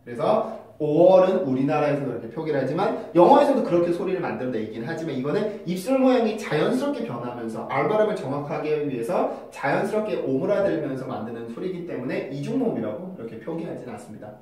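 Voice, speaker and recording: A man's voice: fairly high pitch, very animated, fast, few pauses, mellow. A man teaching English pronunciation in a casual video lesson, explaining patiently and moving between polite and casual speech. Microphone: phone camera with a mic on it. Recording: very echoey room, mic at a distance.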